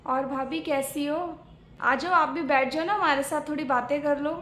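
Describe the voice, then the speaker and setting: A woman's voice: high-pitched, fairly even intonation, moderate pace, noisy background, lightly acted. A woman playing a young married daughter who complains in a chatty way about her strict in-laws, in a family skit. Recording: echoey room.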